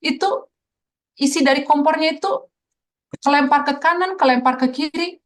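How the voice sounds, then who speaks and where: Middle-aged woman sharing her faith story, earnest, talks right to the host, voice sits a bit high. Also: moderate pace. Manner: earnest storytelling, often addressing the host as Pak. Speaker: guest giving a testimony. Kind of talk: personal testimony in an interview.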